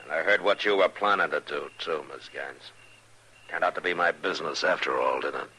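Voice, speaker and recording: An actor playing a stern, steady frontier marshal in a 1950s radio western, with a calm, firm, commanding delivery. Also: male voice, a little fast, poor audio. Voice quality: very deep gravelly voice. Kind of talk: 1950s radio drama acting. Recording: old radio broadcast with faint hiss.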